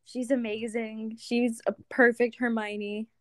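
Brief: young woman, light higher voice, slow unhurried delivery, giggly, dry close sound. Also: flat delivery, no room sound. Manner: giggly, gushing, trails off with "like". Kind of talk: casual chat.

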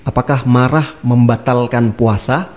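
This man is an Islamic preacher walking through religious points in a casual talk, and his medium-pitched voice moves at an unhurried pace. He's lively, chuckling and laughing as he acts out the people in his examples, including angry speakers.

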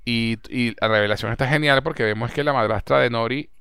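Gravelly, smooth Venezuelan man recapping. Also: medium pitch, brisk, dry recording, studio quality. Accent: Venezuelan Spanish. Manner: animated recap of a series, acting out lines. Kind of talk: casual chat.

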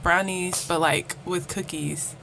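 Laid-back low-voiced young woman. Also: steady tone, slow, creaky, sharp tone, faint music behind. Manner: laid-back, hesitant with frequent ums. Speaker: podcast co-host. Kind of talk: casual chat.

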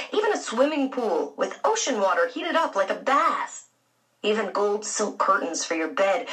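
A woman reads a children's storybook aloud at an unhurried pace, her pitch rising and falling expressively. Her voice sits mid-range and sounds a little distant from the mic. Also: a bit bright. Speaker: narrator.

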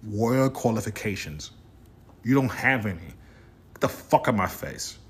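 A man's voice: lowish voice, lively intonation, normal speed. A man in his late thirties, hosting a podcast, delivering a blunt, profane rant with constant swearing. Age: 30s. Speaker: podcast host.

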